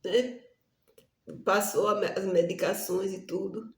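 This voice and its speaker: A woman's voice: medium pitch, steady tone, a little slow, roomy sound. A woman preacher telling a testimony in an earnest, emotional sermon style, often calling out to her listeners. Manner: earnest, addresses the listeners as "amados".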